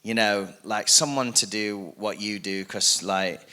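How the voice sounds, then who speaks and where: A man hosting a casual interview, relaxed and affirming, with frequent short agreeing replies. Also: lowish voice, unhurried.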